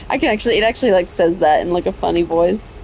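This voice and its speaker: A woman's voice: on the low side, lively intonation, a little fast, vocal fry, a little mellow, slight background noise. A woman chatting casually on a livestream while she plays a video game, rambling and self-correcting as she talks and laughing easily.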